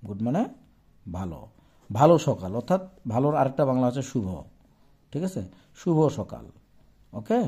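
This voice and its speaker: A man's voice: mid-range voice, warm tone, husky. A man teaching a children's English lesson, explaining patiently and repeating and spelling out each word. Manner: slow, patient, repeats words and spells them out; mixes Bengali explanation with English phrases. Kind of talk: classroom lesson explaining a textbook page.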